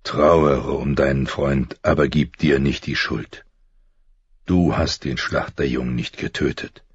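A man playing a grave noble father who speaks slowly and softly to his daughter. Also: a bass voice, steady tone, slightly rough, no echo, dull audio, full character voice. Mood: tender. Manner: slow, soft, murmuring.

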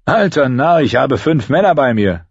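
A man's voice: medium pitch, big pitch swings, normal speed, breathy edge, no room sound, dull audio, pitched above the performer's own voice. A man voicing an arrogant city guard officer in an audiobook, speaking with scorn and condescension. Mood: scornful.

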